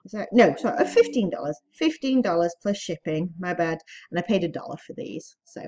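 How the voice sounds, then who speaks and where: A woman's voice: lowish voice, animated, a little fast, darkish tone, muffled recording. A pregnant woman chatting casually to camera as an online reseller, upbeat and a little out of breath, with frequent ums and small laughs. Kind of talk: casual vlog talk to camera.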